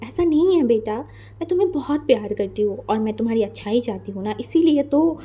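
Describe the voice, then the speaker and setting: A woman's voice: a little high, expressive, dark tone, slightly rough. A woman voicing a mother who coaxes her son into a marriage. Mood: coaxing. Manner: coaxing, quick persuasive talk. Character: pleading mother, coaxing and firm.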